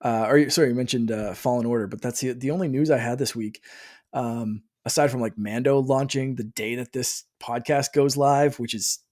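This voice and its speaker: A man's voice: medium pitch, fairly even intonation, moderate pace, darkish tone. A man hosting a podcast, chatting casually and laughing often. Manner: chatty, laughs often, acts out quoted voices. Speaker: podcast host. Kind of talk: casual chat.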